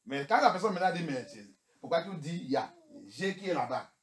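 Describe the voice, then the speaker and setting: A man's voice: a little high, expressive, moderate pace. A male pastor preaching, who moves between English and French and fires rhetorical questions at the congregation. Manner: switches between English and French, rising to shouts. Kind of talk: sermon.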